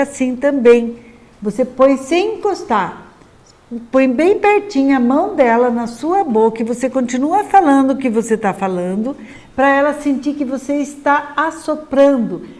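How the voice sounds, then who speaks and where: A woman with a Brazilian Portuguese accent giving a patient, clear lesson to parents on helping children speak correctly. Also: high voice, darkish tone. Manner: patient, explanatory, models words slowly and clearly. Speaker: literacy teacher advising parents. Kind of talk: instructional talk to parents.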